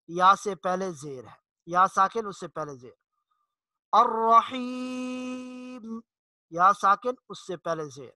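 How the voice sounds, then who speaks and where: A middle-aged man teaching Quran recitation, explaining rules in a plain lesson voice and chanting verses slowly. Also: high-pitched, bright, forceful tone, no room sound.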